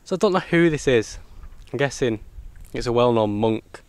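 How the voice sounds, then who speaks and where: A man's voice: mid-range voice, lively intonation, moderate pace, darkish tone, no echo. A man chatting casually to camera as a travel vlogger, colloquial and matey, with mild swearing. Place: outdoors on rural roads and temple grounds. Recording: outdoor ambient and motorbike noise.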